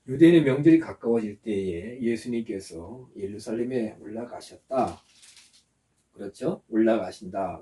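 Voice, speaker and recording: Pastor with a dark voice, sounding distant. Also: male voice, medium pitch. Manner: teaching, with pauses to explain terms and have the congregation repeat words. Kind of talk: sermon.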